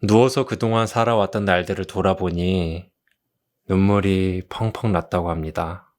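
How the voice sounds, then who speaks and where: A deep-voiced South Korean man performs an ASMR role-play as a kind, soothing counseling doctor comforting a patient. He speaks gently and consolingly, like a tender romantic leading man, with slow storytelling.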